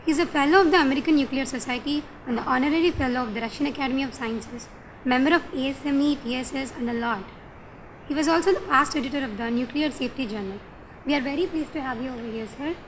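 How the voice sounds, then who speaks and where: A woman with an Indian accent reads a formal introduction at an event. Her voice is high and she moves quickly through the script. There is slight noise in the background of the recording. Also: poor audio. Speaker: event presenter introducing a speaker.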